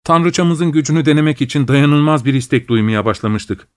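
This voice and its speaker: A man narrating a novel in a steady, measured audiobook style. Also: on the high side, smooth, no echo, studio quality.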